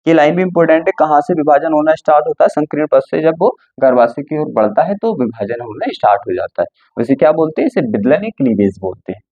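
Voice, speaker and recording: A man's voice: on the high side, expressive, fast talker, hardly any pauses, mellow, no echo, highs cut off. Man teaching, asking and answering himself. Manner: repeats questions and answers them himself. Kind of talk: line-by-line textbook lesson.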